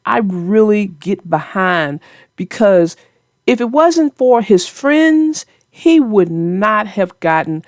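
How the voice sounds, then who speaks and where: A very animated woman with a mid-range voice reads a children's story slowly and chats about it afterward. As host and narrator she is folksy, playful, and teasing, recorded dry in clean studio sound.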